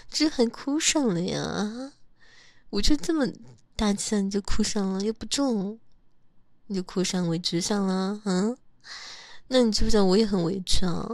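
A woman's voice: mid-range voice, dry recording, natural voice. A woman in a whispered role-play, voicing a jealous, possessive young lover who scolds and then coaxes close to the ear. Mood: coaxing, then aggrieved.

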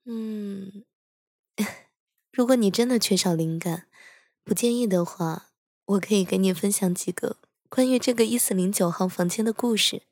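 A woman playing a soft-spoken teasing hotel attendant. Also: medium pitch, no room sound, clean studio sound. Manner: gentle, teasing, slows and hushes for eerie moments. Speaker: hotel staff member telling a ghost story to a horror writer. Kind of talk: role-play audio drama with soft storytelling. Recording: soft background music.

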